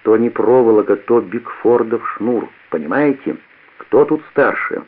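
A man's voice: lowish voice, a little slow, slightly rough. A man voicing a jumpy young electrician. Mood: urgent. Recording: tinny lo-fi old radio recording.

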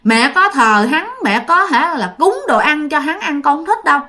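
A woman's voice: high voice, very animated, moderate pace, sharp tone, exaggerated voice. A woman with a Southern Vietnamese accent voicing the ghost of a young man, speaking emphatically and repeating herself. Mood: resentful. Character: dead young man's ghost, bitter and resentful.

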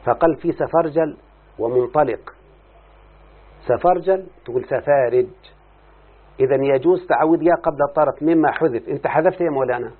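A slightly high male voice with a breathy edge moves fairly quickly through a classroom lesson on Arabic morphology, explaining a text. He often stops to put questions to his listener. The audio is muffled, lo-fi and phone-like.

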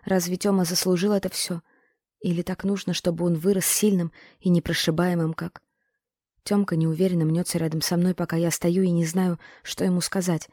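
A woman narrates a first-person audiobook story in a low, mellow voice. Her reading is close and dry. It is a steady storytelling read. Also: fairly quick, dry recording.

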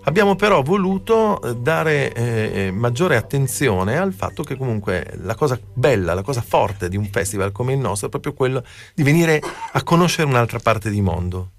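A man's voice: medium pitch, lively intonation, moderate pace, few pauses, faint music behind. A man, a film festival's artistic director, answering as a radio guest in a hesitant way with many fillers. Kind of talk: radio interview.

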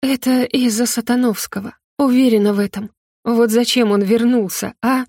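A woman's voice: fairly high pitch, fairly even intonation, moderate pace, darkish tone, no echo, clean studio sound. A fretful, worried mother, voiced by a woman reader. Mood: anxious. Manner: anxious, fretful. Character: worried middle-aged mother, anxious and fretful.

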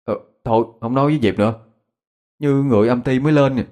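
A man voicing a nervous teenage schoolgirl friend, talking quick and anxious. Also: medium pitch, warm tone, voice pushed up, close to an everyday voice.

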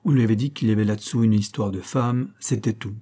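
A man narrating an audiobook in a measured, even storytelling manner. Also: fairly low pitch, slightly rough. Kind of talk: scripted narration.

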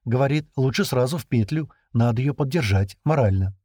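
A man's voice: medium pitch, lively intonation, brisk, warm tone, dry recording, natural voice. A man reading aloud and voicing a naive, chatty young woman who pleads and takes offence easily. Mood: pleading.

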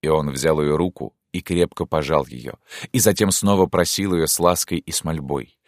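A man narrating a classic novel as an audiobook in measured storytelling. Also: rumbling low, no room sound, studio quality.

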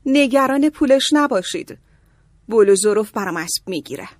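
A woman voicing a playful, self-assured young woman in an audiobook drama, in a lively, teasing way. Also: a little high, no echo, clean studio sound, lightly acted. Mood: sassy. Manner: lively, teasing, a little bossy. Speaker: voice actress in an audiobook.

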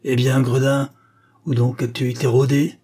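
A man voicing a furious, greedy old miser who shouts accusations. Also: medium pitch, fairly even intonation, drawn-out words. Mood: furious, accusing.

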